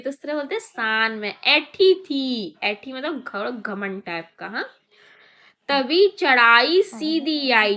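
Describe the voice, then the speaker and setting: A woman's voice: sits high, pushed and bright. A woman teacher reading a children's poem aloud and explaining it to young pupils in a playful, exclaiming way. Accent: Indian Hindi. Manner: playful, exclaiming, laughing often. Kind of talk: children's poetry lesson.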